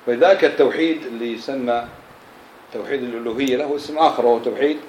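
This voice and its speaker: A man's voice: medium pitch, darkish tone, a little hiss or hum. Echoey male religious teacher. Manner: checks understanding with quick questions to the class. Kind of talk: classroom lesson explaining scripture. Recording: echoey room.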